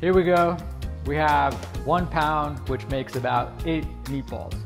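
A man's voice: on the high side, a little slow, gravelly, soft background music. A man in his thirties hosting a home cooking demonstration, explaining each step to the camera in an upbeat way, recorded in a kitchen. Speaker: cooking video host.

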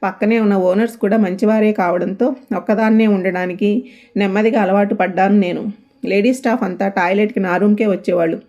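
A woman with a Telugu accent, narrating a first-person audio story in an earnest, steady way. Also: mid-range voice, a little fast, highs cut off.

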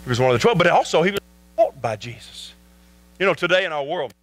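A male pastor preaching a sermon with emphasis, repeating rhetorical questions and swinging from soft asides to loud peaks. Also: fairly high pitch, expressive, fast.

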